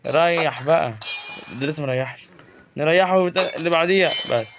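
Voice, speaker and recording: A fast-talking man with an Egyptian Arabic accent narrates his gameplay in a fairly high voice, chatty and joking as he scolds the creatures on screen. Faint noise and clicks sit behind him. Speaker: gaming YouTuber. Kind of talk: casual Let's Play commentary.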